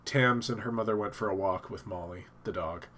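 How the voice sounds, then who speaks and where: A man's voice: fairly low pitch, brisk, a bit bright. A man hosting a casual live stream from his home office, stuffed up and thinking aloud with many fillers and restarts.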